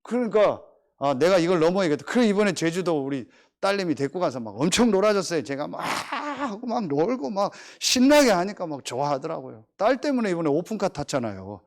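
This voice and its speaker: Animated middle-aged male preacher. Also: sits high. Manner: animated, emphatic preaching with drawn-out stressed phrases; chatty, joking asides about family. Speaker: pastor. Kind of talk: sermon.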